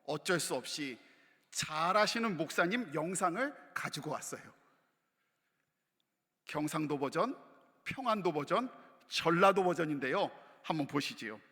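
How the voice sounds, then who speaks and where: A male pastor preaches in a relaxed, conversational way that slips into storytelling. His voice is bright and a little high. Long reverb from the sanctuary trails behind him. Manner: conversational, warm-humored storytelling. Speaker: senior pastor. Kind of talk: sermon. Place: church sanctuary.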